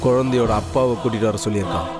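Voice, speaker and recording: A man's voice: mid-range voice, rapid-fire, natural voice. An actor playing a scheming father who plots a trick in a TV serial. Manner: sly, conspiratorial, self-satisfied. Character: scheming father plotting with his daughter. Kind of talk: TV serial acting. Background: loud background music.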